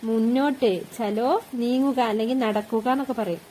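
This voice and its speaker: A woman's voice: on the high side, moderate pace, warm tone, slight background noise. A woman teaching spoken phrases, repeating each one and explaining it word by word. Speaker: language teacher. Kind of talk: teaching Hindi phrases with Malayalam meanings.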